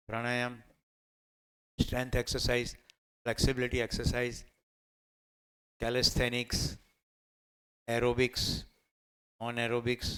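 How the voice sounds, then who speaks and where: With a mid-range, clean-toned voice, a Gujarati-accented teacher trainer motivates a room of teachers. He poses questions, supplies the answers himself, and blends Hindi and English terms throughout.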